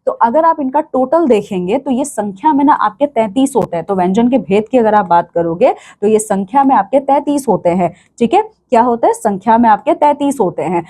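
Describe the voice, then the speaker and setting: A woman's voice: fairly high pitch, lively intonation, brisk, hardly any pauses, warm tone. A woman teaching a grammar lesson to children, patiently explaining each point and checking in with "okay" after each one.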